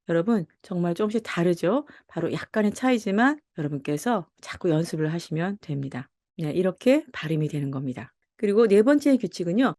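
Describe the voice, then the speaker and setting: A woman teaching English pronunciation in Korean, friendly and patient, slowing down to model each sound in an exaggerated way. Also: on the low side, a little mellow, dry recording, studio quality. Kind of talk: phonics lesson, slow demonstrations.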